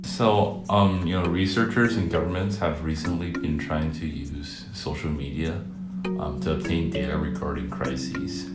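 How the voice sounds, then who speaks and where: A man asking an interview question in a halting way, full of fillers. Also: very deep voice, fairly even intonation. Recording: loud music behind, echoey.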